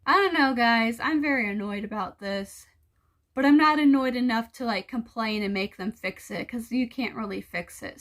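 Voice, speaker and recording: A woman's voice: fairly high pitch, fairly bright tone. A woman talking casually to viewers in a personal vlog, explaining things in a conversational, mildly exasperated way. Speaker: vlogger.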